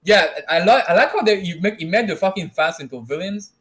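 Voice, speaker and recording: A man with a French accent, a podcast co-host rambling excitedly about a game in casual chat full of filler words and swearing. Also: high voice, fairly quick.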